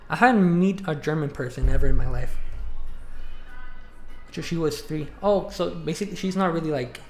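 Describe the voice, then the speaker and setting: A man's voice: a little high, normal speed, a little mellow. Rambling streamer man, roomy sound. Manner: rambling, lots of fillers. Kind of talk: casual live-stream chat. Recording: roomy with faint music.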